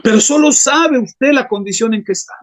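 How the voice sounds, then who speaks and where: A man's voice: very high voice, moderate pace. A man preaching an impassioned sermon as a pastor, often calling his listeners brothers. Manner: impassioned, keeps addressing the congregation as brothers.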